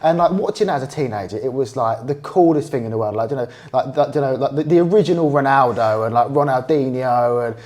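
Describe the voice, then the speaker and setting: A man chats casually as a podcast co-host. He talks quickly and often stammers and restarts mid-sentence, with his voice at a middling pitch. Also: a little mellow. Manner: stammering, many restarts and fillers. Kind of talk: casual chat.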